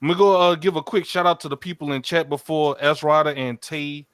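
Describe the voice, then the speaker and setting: A man's voice: on the high side, steady tone, a little fast, a bit bright, clean tone, no echo. A man co-hosting a live-stream podcast in a laid-back way, greeting the chat and talking casually with frequent fillers. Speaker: podcast co-host reading out chat.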